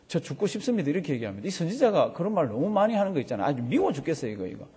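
A man's voice: a little high, sing-song, very fast, dark tone, slightly rough, big-room sound. A man preaching a sermon as pastor, telling the story animatedly and full of vivid sound words.

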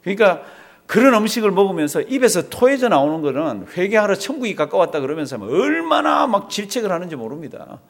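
A man preaching a sermon with a lively, animated voice that leaps up and drops low. His pitch sits a little above that of most men. He keeps putting rhetorical questions to his congregation. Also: fairly quick. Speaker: pastor.

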